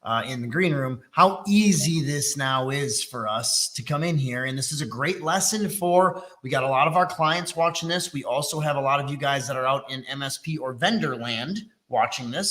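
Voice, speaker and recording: Barely pausing, a middle-aged man from Texas talks at normal speed in a medium, fairly bright voice. He's a bit congested and hosts his live business webinar in a teasing, self-deprecating, chatty way.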